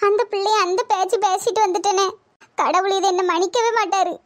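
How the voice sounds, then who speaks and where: A woman's voice: very high voice, steady tone, a little fast. A woman voicing cartoon village women, speaking in an emotional, exclaiming way. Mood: distressed. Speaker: voices most cartoon characters. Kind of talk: cartoon voice acting.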